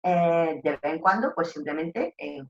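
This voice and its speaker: A woman with an Andalusian accent, a talkative trainer giving a lively lecture on customer service and repeating her points. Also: low-pitched, measured pace, lo-fi sound. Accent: Andalusian Spanish. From Andalusia, Spain. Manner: talkative, animated teacher, repeats herself. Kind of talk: online lecture.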